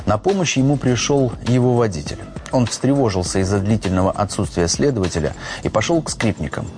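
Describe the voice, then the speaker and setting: A man's voice: on the low side, lively intonation, fairly quick, darkish tone. A man narrating a crime story from a script.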